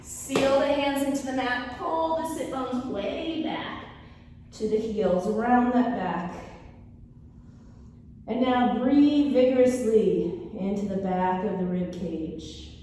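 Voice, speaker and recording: Her voice is fairly high and mellow, and she takes her time as she leads a Pilates class, counting and cueing moves with brief commands. The mic is far away in an echoey hall, with a little background noise.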